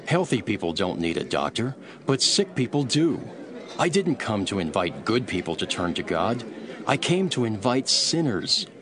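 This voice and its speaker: An actor playing Jesus as a calm, authoritative teacher in a dramatised scripture reading, measured and solemn. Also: male voice, fairly low pitch, a crowd in the background. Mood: patient, instructive.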